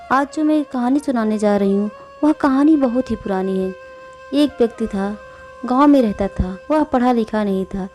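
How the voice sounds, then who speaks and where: A woman narrates a devotional folk tale as a channel host, gentle and steady. Her voice is slightly high yet mellow and warm.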